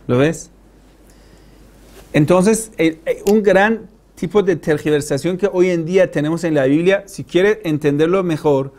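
Man, high voice, lecturer, emphatic, asks the class questions. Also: a little mellow. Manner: emphatic, addresses listeners directly with questions. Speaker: religious lecturer.

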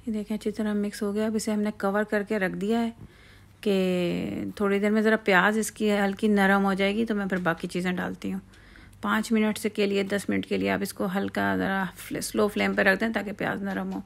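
A woman walks through a recipe in a relaxed, chatty cooking-tutorial way, stopping to fill the pauses as she goes. Her voice is strongly gravelly, and her pitch stays flat and even. She sounds like she is outdoors at night, filming on a phone. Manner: chatty step-by-step explaining with fillers. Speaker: home cooking channel host.

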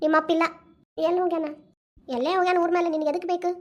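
A bitter, unforgiving village mother from a homespun cartoon lectures with a North Karnataka accent, voiced by a woman. Her voice sits high and runs fast in a long, scolding tirade. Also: level tone, a little mellow, lo-fi sound. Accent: North Karnataka Kannada. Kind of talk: cartoon voice acting.

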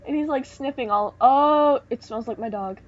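A young woman hosts a let's play, playing the game and chatting casually while exclaiming in alarm at what happens. Her voice is high-pitched at a moderate pace, and the audio is dull with a little hiss or hum.

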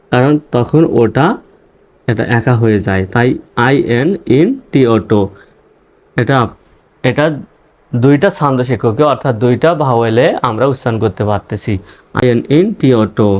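A man teaching English reading, spelling words letter by letter and sounding out each syllable slowly. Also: mid-range voice, darkish tone. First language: Bengali. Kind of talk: spelling-out pronunciation lesson.

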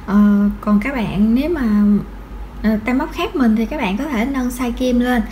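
Woman, high voice, patient crochet lesson, faint background hiss. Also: a little slow, mellow. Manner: patient, counts stitches aloud, frequent fillers. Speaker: crochet tutorial host. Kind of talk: step-by-step crochet instruction.

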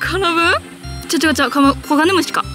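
Kansai woman vlogging a bug hunt outside, highish voice, excitable and jokey, music playing behind. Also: very fast. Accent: Kansai Japanese. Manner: excitable, chatty, jokey, shrieks in fright. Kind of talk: casual outdoor bug-hunting vlog.

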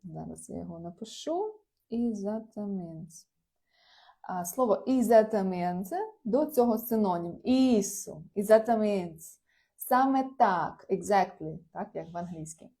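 Mellow-voiced woman teaching a language class. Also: medium pitch. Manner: explains patiently, mixing in Portuguese phrases; laughs often, casual. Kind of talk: live online lesson, reading chat replies.

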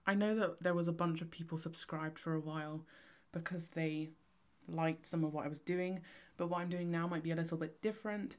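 Speaking in a low-pitched voice with a Cornish accent, a young adult vlogger and photography student from Cornwall rambles excitedly and chaotically at speed. She's casually chatting to a camera set on a tripod.

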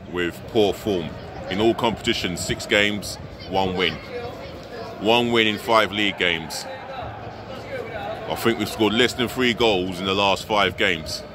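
Amid a noisy background, a middle-aged man with a low voice films himself outside a large stadium in a city plaza, camera held at arm's length. Hosting his pre-match fan vlog, he frankly airs his frustration with his team.

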